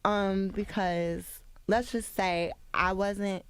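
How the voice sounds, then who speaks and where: A woman's voice: mid-range voice, fairly even intonation, slow, smooth, dry recording. A young woman guest on a radio show, answering hesitantly and often restarting her sentences. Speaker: interview guest. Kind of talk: radio interview. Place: radio studio.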